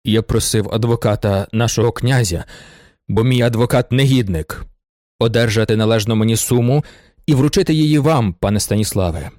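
A man's voice: mid-range voice, fairly quick, no room sound, clean studio sound, close to an everyday voice. A man voicing an agitated aging aristocrat who is theatrical and easily worked up in a storybook reading. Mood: indignant. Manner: excitable and theatrical, swinging between indignation and gushing gratitude. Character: agitated aging male aristocrat, proud and pitying himself.

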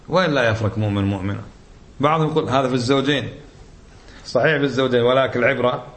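A man's voice: medium pitch, a little hiss or hum. A middle-aged man giving a religious lesson in colloquial speech. He exhorts his listeners and fires off rhetorical questions. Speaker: religious teacher.

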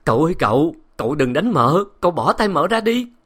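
A man's voice: mid-range voice, very animated, rapid-fire, breathy edge, pitched above the performer's own voice. A man voicing a timid old woman servant who begs humbly in a tremulous voice. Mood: begging. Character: old female nanny, timid and begging.

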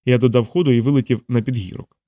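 Male audiobook reader, steady delivery, mid pitch, dry close mic. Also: quick pace, no echo. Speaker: audiobook narrator. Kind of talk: first-person audiobook narration.

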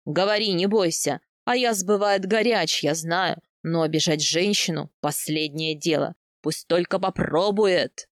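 A woman voicing a stern, authoritative older male khan in an audiobook, speaking in a gruff, commanding way. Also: lowish voice, a little slow, few pauses, no room sound, clean studio sound, voice pushed down. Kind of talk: audiobook character voice.

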